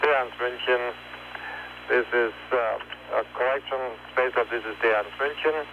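A male ground controller dictating message corrections step by step in a halting, procedural way over a space mission radio link. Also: mid-range voice, fairly even intonation. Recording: tinny narrowband space radio, hum, noise.

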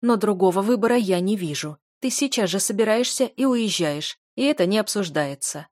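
A woman reading an audiobook, voicing an imperious noble mother who scolds and insists in a raised, high voice. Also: lively intonation, moderate pace, darkish tone, no echo, studio quality, lightly acted. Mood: scolding.

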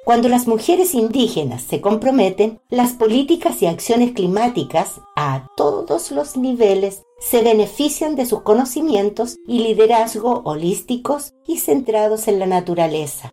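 Woman reading a lively, formal podcast narration. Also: medium pitch. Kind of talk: scripted narration.

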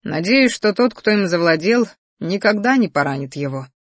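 A woman voicing a steady, serious young male student in a fantasy audiobook. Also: mid-range voice, moderate pace, dry recording, clean studio sound, close to an everyday voice.

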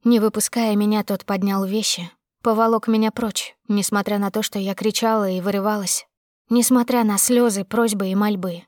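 A woman's voice: medium pitch, steady tone, moderate pace, a little mellow, no echo, studio quality. Woman narrating a tense audiobook. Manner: tense, emotional storytelling. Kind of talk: first-person dramatic audiobook narration.

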